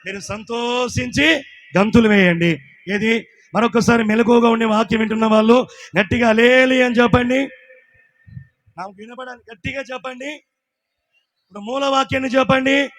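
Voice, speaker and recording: A man preaching in call-and-response, leading the congregation to repeat lines. He swings from shouted peaks to quiet asides. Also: very high-pitched, steady tone, normal speed, pauses often. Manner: repeats lines for the crowd to echo. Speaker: pastor.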